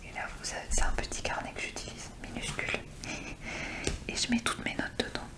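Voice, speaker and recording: Woman whispering close in your ear. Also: brisk. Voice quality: breathy, unvoiced whisper. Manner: informal, chatty. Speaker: ASMR video creator. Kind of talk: soft-spoken ASMR show and tell.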